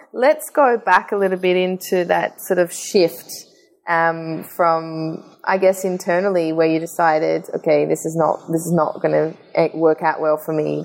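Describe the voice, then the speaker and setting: A woman hosting a podcast, chatty and upbeat, introducing her guest and asking questions. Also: fairly low pitch. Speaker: podcast host. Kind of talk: casual podcast hosting and interviewing.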